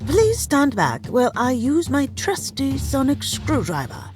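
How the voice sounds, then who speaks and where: Casting: actress as quick-witted female time traveller, animated higher voice, theatrical and formal, light music underneath. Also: exaggerated voice. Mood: brisk, urgent. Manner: theatrical, playfully arch, formal wording. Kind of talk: audio drama acting.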